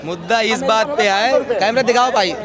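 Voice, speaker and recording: A man's voice: high voice, moderate pace. A male worker at an outdoor protest, firmly urging and stating the workers' main demand. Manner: firm, urging. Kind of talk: street interview. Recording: loud crowd on a city street.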